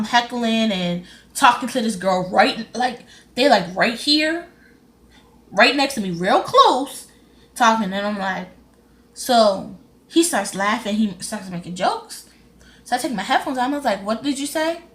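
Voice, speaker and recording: A young woman, casually retelling a frustrating story in an animated vlog. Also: mid-range voice. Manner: animated, frustrated retelling with lively quoted voices. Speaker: vlogger.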